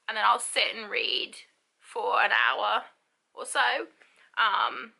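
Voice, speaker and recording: A young woman vlogs casually to camera about books, rambling with many ums and repeats. Her medium-pitched voice has vocal fry and sounds pushed and bright, and she's stuffy, sore-throated and lethargic.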